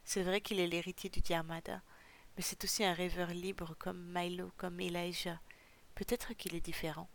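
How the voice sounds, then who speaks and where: A woman reading the storybook role of a thoughtful young man who speaks hesitantly and gently. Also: on the low side, little pitch movement, moderate pace, creaky.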